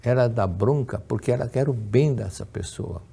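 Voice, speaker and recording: An older man with a Brazilian Portuguese accent gives a religious lesson, telling stories and taking questions while often repeating and restarting words. His mid-range voice is mellow and slightly rough, with vocal fry, at a moderate pace.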